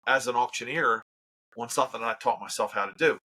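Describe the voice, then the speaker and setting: A man's voice: mid-range voice, fast, pushed and bright. A man who works as a charity auctioneer, telling his story in a casual interview with earnest emphasis and repeats.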